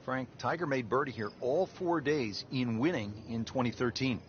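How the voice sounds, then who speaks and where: A man working as lead golf commentator, calling play-by-play in a measured, polished broadcast delivery. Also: mid-range voice. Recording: dull lo-fi game audio, noisy crowd ambience.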